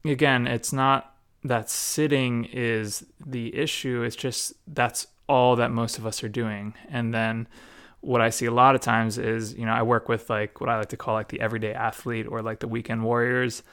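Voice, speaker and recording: Relaxed man with a gravelly voice. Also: mid-range voice, normal speed. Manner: relaxed, conversational, many fillers and restarts. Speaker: mobility coach. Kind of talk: casual explanatory talk.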